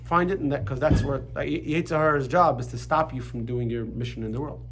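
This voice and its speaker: A man's voice: medium pitch, fast, slight background noise. A man teaching a religious class as rabbi, chatty and full of restarts and asides. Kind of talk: Torah lesson with casual storytelling. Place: classroom with students.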